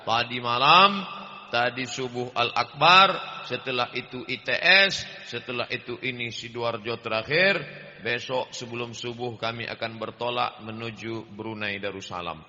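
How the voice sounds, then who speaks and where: A man preaching a lively, joking sermon in a mosque, speaking loudly and booming into a microphone. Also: normal speed, in a large hall, muffled recording. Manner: loud, booming delivery. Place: large mosque with overflow crowd outside.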